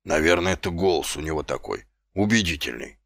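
A man voicing a slow, timid, middle-aged male sergeant who talks hesitantly and grumbles, in an audiobook. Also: low voice, expressive, gravelly, a bit bright, no echo, studio quality, voice pushed down, full character voice.

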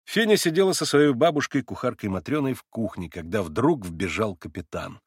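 A man narrating an audiobook of a classic novel, measured and expressive, on a close studio mic. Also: mid-range voice, husky, no echo.

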